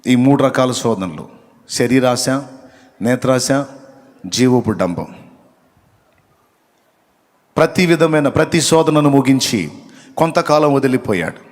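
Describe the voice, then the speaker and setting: A man's voice: mid-range voice, expressive, a little slow, long pauses. A man preaching a sermon who reads out Bible verses, asks the congregation questions and repeats key phrases for emphasis. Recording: long reverb of a hall.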